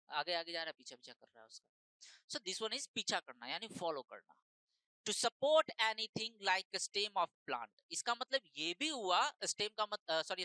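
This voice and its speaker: A woman's voice: medium pitch, pushed and bright, dry recording, poor audio. Woman teacher explaining exam answers. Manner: explains in Hindi mixing in slow English phrases, repeats points. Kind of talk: exam-prep lecture.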